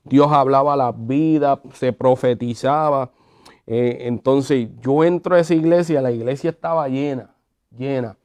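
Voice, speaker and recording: A man telling his conversion story in a conversational, animated way, acting out the quotes. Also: medium pitch, measured pace, smooth. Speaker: guest sharing his testimony. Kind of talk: conversational testimony.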